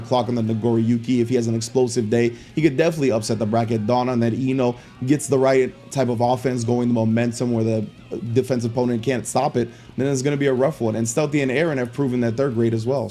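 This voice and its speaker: Male co-caster, rapid analytical delivery, dark mellow tone, faint music behind. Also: medium pitch. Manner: analytical, rapid-fire breakdowns. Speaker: esports co-commentator. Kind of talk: tournament commentary.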